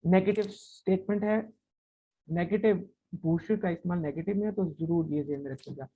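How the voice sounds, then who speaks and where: A woman teaching a recorded language lesson, repeating example words slowly and often checking in with "right?". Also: on the low side, breathy edge. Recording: slightly dull, lo-fi recording.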